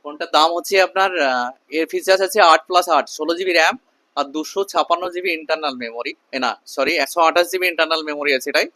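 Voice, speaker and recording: Fast-talking salesman, higher-pitched voice. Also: bright, forceful tone, no echo. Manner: repetitive, emphatic promotional delivery. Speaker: shopkeeper presenting a promotional video. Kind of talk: sales pitch to camera with customer chat.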